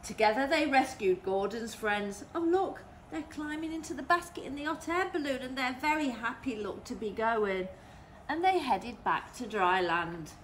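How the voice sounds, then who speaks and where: Woman, nursery teacher, storybook read-aloud for small children, gasps, questions, high voice, faint background noise. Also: animated, normal speed. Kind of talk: reading a picture book aloud to young children.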